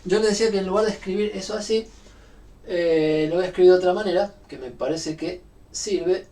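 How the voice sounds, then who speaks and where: A man's voice: sits high, brisk, dark tone, far from the mic. A man with a Rioplatense Spanish accent giving a university physics lecture, explaining step by step with frequent fillers.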